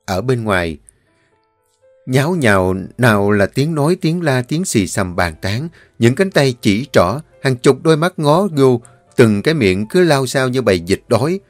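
A man narrating a story in a steady, vivid manner. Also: mid-range voice, a little slow, no room sound. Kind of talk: scripted audiobook narration. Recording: dry voice with faint music.

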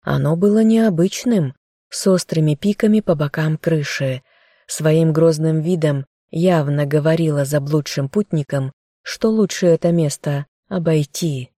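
Low, mellow woman narrating a fairy-tale audiobook, dry close sound. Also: measured pace, dry recording.

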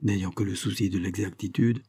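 A man reading a detective novel aloud as an audiobook, in a steady, even way. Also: lowish voice, normal speed, husky, no echo, studio quality. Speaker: audiobook reader. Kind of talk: scripted narration.

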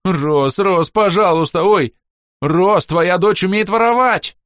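A man's voice: takes it slowly, fairly bright tone, no echo. Guy doing a squealing scared sneaky assassin dude, whiny and begging, dry audiobook read. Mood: panicky pleading. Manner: frantic, pleading, shrill. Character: panicky sneaky male assassin, wheedling coward.

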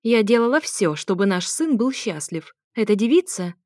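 A woman playing a shrill, sneering mother. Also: big pitch swings, moderate pace, a little mellow, no echo, studio quality, natural voice. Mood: scornful. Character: domineering, scornful mother, middle-aged.

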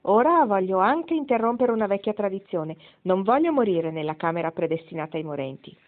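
A woman's voice: mid-range voice, lively intonation, a little fast, close to an everyday voice. Wry dying grandmother, read by a woman. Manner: wry, satirical. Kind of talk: audiobook reading. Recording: tinny phone-like sound.

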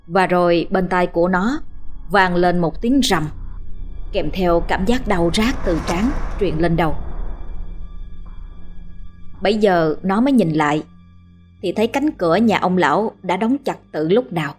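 A woman narrating a horror story in a slow, measured storytelling manner. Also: fairly low pitch, lively intonation, slightly rough, faint music behind.

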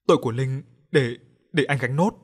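A man's voice: mid-range voice, brisk, breathy edge, close to an everyday voice. A man voicing a haggard, guilt-ridden young man begging forgiveness. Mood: remorseful. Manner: remorseful, pleading.

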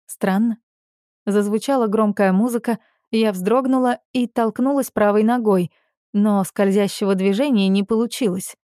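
A woman's voice: mid-range voice, moderate pace, warm tone, no echo, clean studio sound. A woman narrating a first-person novel as an audiobook, with intimate, emotional storytelling.

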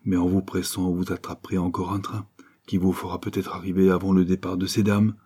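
A man voicing a stout, jovial businessman who talks in a hurried, apologetic way, with a low, husky voice. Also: little pitch movement, dark tone. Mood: flustered.

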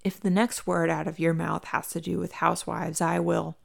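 A woman's voice: lowish voice, level tone, a little slow, creaky. A woman reading a dry, teasing young woman.

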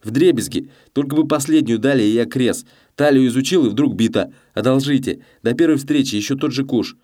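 A man's voice: medium pitch, brisk, mellow, pitched above the performer's own voice, close to an everyday voice. A man voicing a boastful ruined gambler baron who rattles on pompously. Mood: excited.

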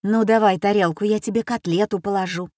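A woman voicing a bustling mother who scolds briskly at the dinner table. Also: medium pitch, steady tone, dark tone, no room sound, studio quality, lightly acted. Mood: scolding.

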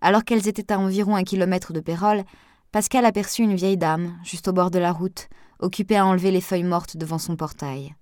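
A woman reading a novel aloud in steady, measured audiobook narration. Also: on the low side, dry recording, studio quality. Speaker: audiobook reader.

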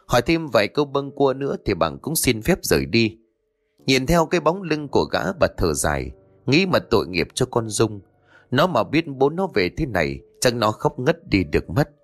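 A man's voice: mid-range voice, very animated, moderate pace. A man reading a ghost story aloud as a scripted, dramatic narration.

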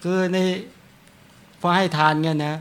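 A man's voice: a little slow, a bit bright. A man, a Buddhist monk giving a dharma talk, chatting through anecdotes and chuckling often.

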